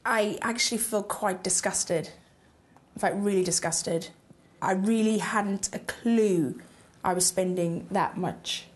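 A woman's voice: medium pitch, slow, slightly rough. A woman in her thirties talking nervously and self-consciously on a reality TV show. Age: 30s. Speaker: show participant. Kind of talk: reality TV conversation.

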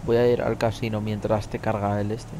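A man's voice: lowish voice, little pitch movement, fairly quick. Give me a young man co-hosting a podcast, casual and crude, over a noisy background. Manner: crude, joking, laughs often. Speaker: podcast co-host. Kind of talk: casual chat while gaming.

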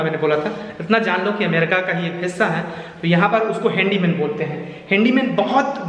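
A man's voice: high voice, a bit bright. A man in his thirties, talking earnestly to a camera held at arm's length as a vlogger, explaining at length. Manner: earnest, explaining, repeats points. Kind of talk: casual vlog talk to camera. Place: bare house interior and outdoors. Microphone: handheld camera at arm's length. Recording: echoey empty room with faint noise.

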